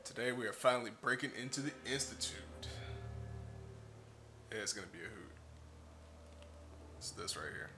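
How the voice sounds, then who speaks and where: A man's voice: mid-range voice, expressive, normal speed, pauses often, noisy background. A man casually commenting on his playthrough, sarcastic and swearing. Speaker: gamer. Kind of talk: let's play commentary.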